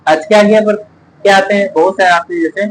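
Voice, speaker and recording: A man teaching pronunciation, repeating words slowly syllable by syllable. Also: sits high, fairly even intonation, poor audio. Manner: drawn-out repetition of words, syllable by syllable. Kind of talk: slow Hindi phonics lesson.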